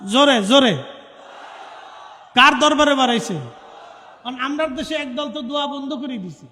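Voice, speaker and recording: High, fiery male preacher in an echoey hall. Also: normal speed, slight background noise. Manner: fiery, shouting, chanting call-and-response with crowd. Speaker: Islamic preacher. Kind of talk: impassioned waz sermon. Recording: echoey hall with long reverb.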